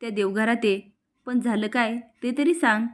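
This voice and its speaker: A woman's voice: on the high side, moderate pace, lightly acted. A woman voicing a caring, worried middle-aged aunt in a serial recap, talking in an earnest, pleading way.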